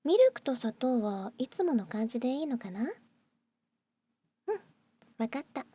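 Whispering softly and breathily right up to the mic, a young woman plays a doting young woman who pampers the listener in an ASMR roleplay. Her voice is fairly high, with lively intonation and a moderate pace, and her mood is sweet and doting.

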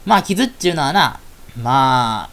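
A woman voicing a knowing, gossipy fairy girl who talks in a hushed, roundabout way with a Kansai accent. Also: extremely low pitch, sing-song, normal speed, pitched below the performer's own voice, full character voice. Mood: exasperated.

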